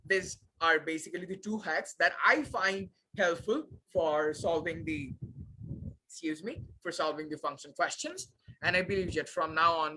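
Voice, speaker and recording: A man's voice: a little high, pushed and bright, poor audio. A young man teaching a live online class, switching between Bangla and English with frequent filler sounds.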